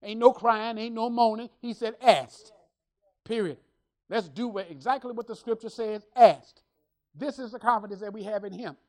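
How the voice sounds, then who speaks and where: A woman's voice: a little high, brisk. Emphatic woman preacher. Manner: repetitive, emphatic preaching with call-and-response. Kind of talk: sermon.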